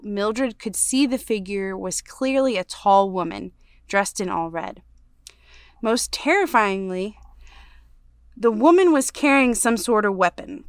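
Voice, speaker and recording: A woman podcast host reads a ghost story aloud in a measured storyteller's manner, dropping to a hush for the dark parts. Her smooth, medium-pitched voice is recorded at studio quality with no echo.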